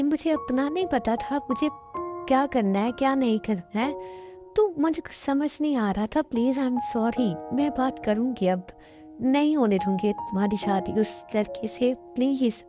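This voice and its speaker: A woman's voice: high-pitched, lightly acted. A woman dubbing a young woman who reassures and comforts her crying best friend, in an amateur dubbed love story. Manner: soothing, reassuring.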